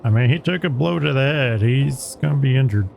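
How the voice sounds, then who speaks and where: A man's voice: mid-range voice, animated, a little fast, gravelly, a little mellow, slight background noise. A man casually commenting while playing a role-playing game, chatty and wry. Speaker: player. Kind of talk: casual let's-play commentary.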